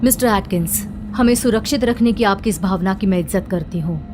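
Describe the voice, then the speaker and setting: A woman's voice: medium pitch, brisk, close to an everyday voice. A woman voicing a composed, authoritative female park director in a cartoon dub, with music behind her. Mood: firm.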